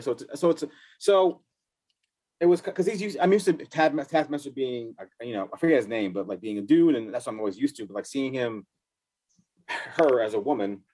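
Man, mid-pitched, casual podcast chat; halting, restarts a lot. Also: darkish tone, slightly rough. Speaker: podcast co-host.

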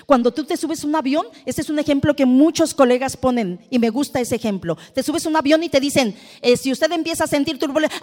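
A middle-aged woman with a Mexican accent gives an expressive motivational talk to a live audience, acting out the people in her stories. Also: mid-range voice. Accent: Mexican Spanish. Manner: expressive storyteller who acts out dialogue. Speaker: presenter and speaker. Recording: long hall reverb.

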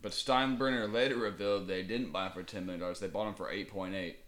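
A man co-hosting a podcast, laying out facts in a relaxed way with frequent ums. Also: low-pitched, quick pace. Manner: relaxed, reads out details with filler ums. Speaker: podcast co-host. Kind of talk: casual conversational chat.

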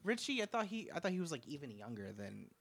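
A young man in a casual podcast chat, talking in an animated, excitable way. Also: fairly high pitch, fast, creaky.

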